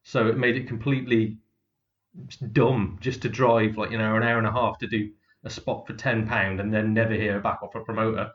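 A man's voice: lowish voice, flat delivery, moderate pace, muffled recording. A man, a comedian, chatting casually and bluntly about his career, swearing freely and laughing through his stories. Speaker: comedian guest. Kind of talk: casual podcast chat.

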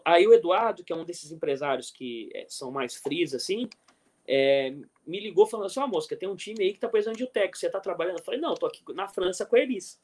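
A middle-aged Brazilian man with a Brazilian Portuguese accent appears as a guest coach in a casual interview, speaking in a high-pitched voice. He tells animated anecdotes, chuckles, and keeps asking "entendeu?" to check the listener follows.

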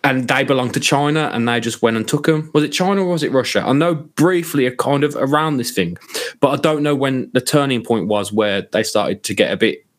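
A man's voice: mid-range voice, fairly quick. A man co-hosting a casual history podcast, bantering and asking questions in a chatty way. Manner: banters, asks questions, lively up-and-down delivery. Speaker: podcast co-host.

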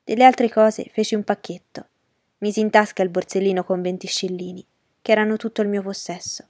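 Warm-voiced woman narrating a drama. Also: medium pitch, fairly even intonation, fairly quick, dry recording, clean studio sound. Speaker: narrator and heroine. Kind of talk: dramatic first-person narration.

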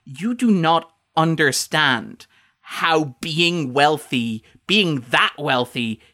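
A man co-hosting a podcast, talking through a film's themes in a long, animated, fast-flowing analysis. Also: fairly high pitch. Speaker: podcast co-host. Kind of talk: casual film discussion.

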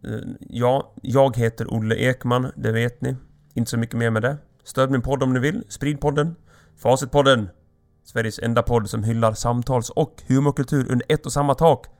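A man hosts his own podcast alone, with a mid-pitched voice that sits in the usual range. He rambles from one thought to the next in an offhand way. His humor is crude and loose. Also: fairly even intonation, a little mellow. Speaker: podcast host. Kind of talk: solo comedic podcast monologue.

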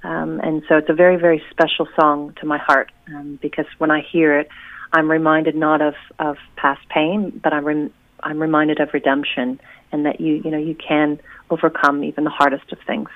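This musician guest, a woman from Oregon with an American accent carrying a New Zealand tinge, has a low voice, a flat delivery and a normal speed. Still bubbly in the casual interview chat, she laughs frequently and uses many fillers, calling from home in New Zealand on a tinny phone line.

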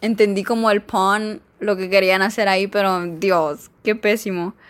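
A young female vlogger reads jokes aloud at a normal speed in a mid-range voice with fairly even intonation. She chats casually, giggling, leaning heavily on fillers and sounding mock-exasperated.

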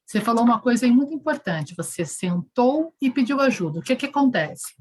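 Woman, high voice, spiritual teacher, explanatory, video call. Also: animated, a little fast, darkish tone, breathy edge, rough recording. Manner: explanatory, checks in with "tá?" and "né?". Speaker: spiritual teacher leading an online session. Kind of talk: spiritual talk to a group.

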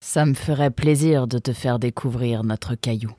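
A woman voicing a tall thin man who speaks calmly and patiently, explaining things as if he knows them well. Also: rumbling low, moderate pace, dry recording, clean studio sound. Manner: calm, knowing, patient. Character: tall thin calm man in a blue shirt.

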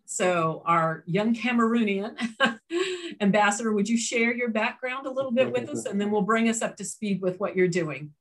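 A woman's voice: mid-range voice, expressive, normal speed. A woman hosting an interview over a video call, introducing her guest in a friendly, chatty way.

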